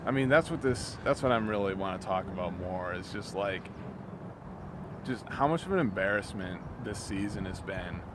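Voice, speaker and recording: A man sounding drunk as he delivers an off-the-cuff video rant, rambling, halting and repeating himself, exasperated and swearing freely. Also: deep voice, animated, noisy background. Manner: exasperated, profane. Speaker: YouTube reviewer.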